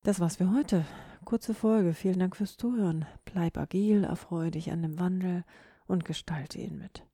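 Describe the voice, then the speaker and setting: A woman hosting a solo podcast. She speaks in a soft, breathy, instructive way. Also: fairly low pitch, a little slow, no room sound, clean studio sound. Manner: instructive, demonstrates word stress on example sentences. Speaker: podcast host.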